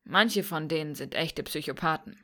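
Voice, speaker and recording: A wry, cynical young man speaks in a calm, dry tone, as a woman narrator reads him. The voice sits a little low. It is an audiobook reading. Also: normal speed.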